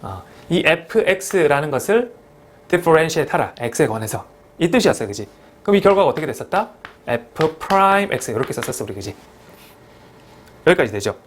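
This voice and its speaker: A man's voice: a little high, very animated, normal speed, long pauses, slight background noise. A man teaching a math lesson at a whiteboard, explaining terms step by step and checking in with his students. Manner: talkative, mixes in English math terms, asks students "그죠?".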